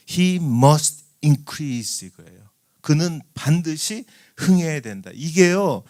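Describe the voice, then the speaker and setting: A middle-aged man preaching a sermon as a missionary, calling out to the congregation and swinging between loud emphatic lines and hushed ones. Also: mid-range voice.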